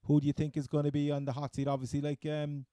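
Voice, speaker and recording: Male podcast co-host, Cork accent, very soft mellow tone, close dry sound, halting casual sports chat. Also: on the high side, monotone, smooth, no echo. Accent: Cork, Irish. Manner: halting, hesitant phrasing.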